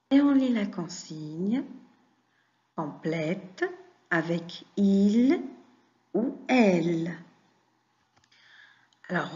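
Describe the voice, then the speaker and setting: Slow, patient woman teaching young children. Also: mid-range voice, darkish tone, muffled recording. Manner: slow, deliberate, praising and questioning pupils. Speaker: French teacher. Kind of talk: classroom lesson for young children.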